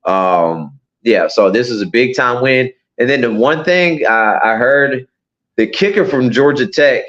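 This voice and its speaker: A man chats casually about college football, relaxed and a little hesitant, often restarting his sentences. His voice sits in a middle pitch. The recording is dull and lo-fi. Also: unhurried. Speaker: podcast co-host. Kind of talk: casual sports chat. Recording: dull lo-fi audio.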